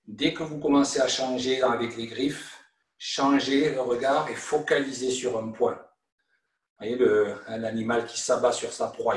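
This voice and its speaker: A man with a French accent teaching an online qigong class, guiding calmly with frequent "hein" and "voilà". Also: mid-range voice. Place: room at home or studio, teaching over video call. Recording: echoey room, voice from far off the mic.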